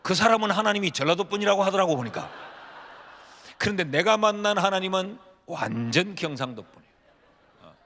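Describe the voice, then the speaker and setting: A man's voice: high voice, lively intonation, brisk, a bit bright. A man in his fifties, a pastor preaching a sermon, telling humorous stories and acting out prayers as dialogue. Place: church sanctuary. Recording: long reverb of a church hall.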